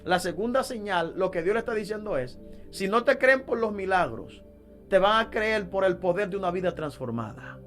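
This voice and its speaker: A male preacher with a very high, bright and forceful voice delivers an emphatic sermon, driving his points home with rhetorical questions. Soft music plays faintly behind him. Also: animated, moderate pace. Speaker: deliverance minister.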